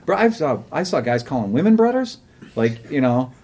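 A man's voice: mid-range voice, sing-song, normal speed, darkish tone, breathy edge. A man co-hosting a casual podcast, telling a profane travel story and laughing often. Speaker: podcast co-host. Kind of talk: casual chat.

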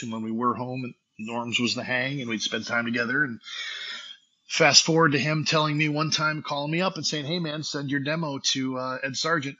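Husky, bright-voiced man telling stories. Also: mid-range voice. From Florida. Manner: rambling, animated, acts out quoted phone calls. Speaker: interview guest, saxophonist. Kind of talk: casual storytelling interview. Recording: dull lo-fi audio.

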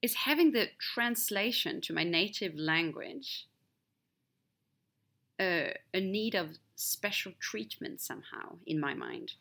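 Slow and animated, this woman's mid-range voice sounds gravelly yet fairly bright. She hosts a podcast, and as a native Swedish speaker she narrates a personal story in a candid, reflective solo monologue with wide swings of emphasis.

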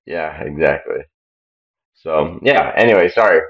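A man's voice: very deep voice, unhurried, lo-fi sound. A man co-hosting a casual podcast, explaining things in an easygoing, plain way. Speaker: podcast co-host.

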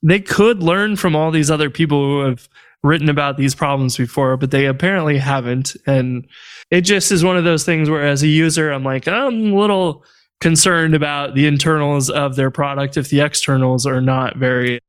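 Male podcast co-host, slightly high, smooth voice, casual and animated. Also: moderate pace. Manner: animated, exasperated storytelling. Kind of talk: casual tech chat.

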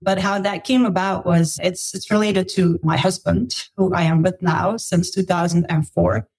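A woman's voice: fairly low pitch, steady tone, normal speed, darkish tone, husky. A middle-aged woman from Belgium, a podcast guest, telling her travel story in a chatty way with laughs and restarts. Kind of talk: casual interview storytelling.

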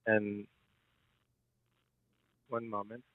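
A man's voice: fairly low pitch, completely flat delivery, extremely slow, no room sound. A man working as a customer service agent on a call, polite and deferential. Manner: polite, deferential, often says sir. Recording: thin narrow phone line.

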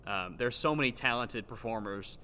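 A male guest talks casually, feeling his way carefully through each thought. The voice is bright and sits at an average male pitch. It carries the echo of a big open hall over faint background noise. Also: moderate pace. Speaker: podcast guest, stage actor. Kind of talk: casual chat. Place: large old gymnasium used as a theater, indoors.

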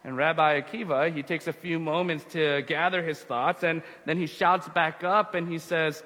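A man's voice: fairly high pitch, steady tone, moderate pace, bright, forceful tone. A man preaching a sermon as pastor in a church, earnest and repetitive, with fillers and rhetorical questions. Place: church sanctuary. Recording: long church reverb.

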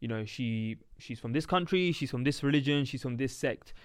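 A man's voice: medium pitch, normal speed, clean tone, dry recording, clean studio sound. A young man with a London roadman accent and slangy street delivery, hosting a casual podcast chat. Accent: London, urban street slang (roadman). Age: young adult. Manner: slangy urban street way of talking. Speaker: podcast host.

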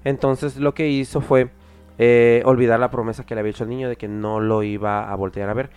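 Mexican guy telling a story on a podcast, lots of ums and restarts, clean smooth voice. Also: mid-range voice, fairly even intonation, a little mellow, faint music behind. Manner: halting, many filler words and restarts. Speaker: podcast host. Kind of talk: casual storytelling chat.

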